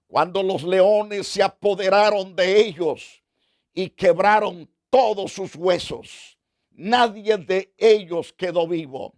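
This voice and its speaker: A man pastor retelling a scripture story as a sermon, slow and deliberate, repeating phrases for emphasis. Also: high-pitched, darkish tone, no echo, studio quality.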